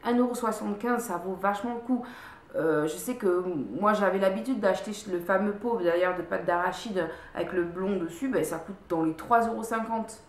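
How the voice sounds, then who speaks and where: Speaking at a medium pitch and moderate pace, a woman beauty vlogger chats about her favorite products from a room at home. She frequently repeats herself and stops to start over. Her echoey surroundings are audible.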